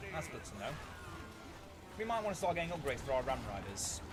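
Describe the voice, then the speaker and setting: A man giving strategy game commentary as a video host, playfully theatrical, talking to his units and making mock threats. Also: medium pitch.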